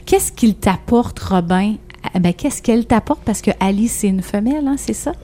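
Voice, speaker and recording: A woman's voice: mid-range voice, animated, normal speed, mellow. A woman with a Quebec French accent hosting a studio interview, speaking in an encouraging and enthusiastic way. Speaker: host. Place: radio studio. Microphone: studio microphone.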